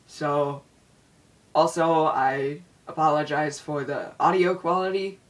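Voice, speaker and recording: A man talks slowly and hesitantly through a casual update, pausing on filler words, his slightly high voice caught in low quality. The sound comes from a built-in iPod microphone set back from him, so it is thin and distant. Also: fairly even intonation. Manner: hesitant, many ums and restarts. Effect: low-quality recording on a built-in iPod mic. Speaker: vlogger. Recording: distant low-quality handheld device mic.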